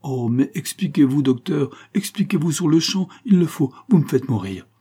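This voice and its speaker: A man's voice: medium pitch, a little slow, warm tone, husky, voice pushed up. Feverish pleading countess, voiced by a man. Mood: anxious pleading. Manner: urgent, pleading, raised voice.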